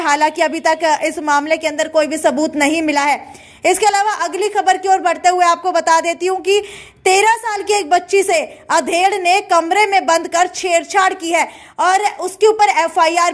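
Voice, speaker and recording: A woman's voice: very high-pitched, steady tone, moderate pace. A woman presents local breaking news. Her delivery is semi-formal and spoken, padded with recurring stock filler phrases. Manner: repeats filler phrases between news items.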